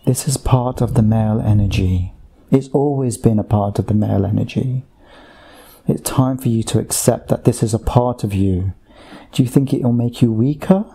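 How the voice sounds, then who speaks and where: A man speaking under hypnosis as a channeled voice, slow and repetitive, addressing listeners like a sermon. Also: medium pitch, creaky, warm tone, breathy edge.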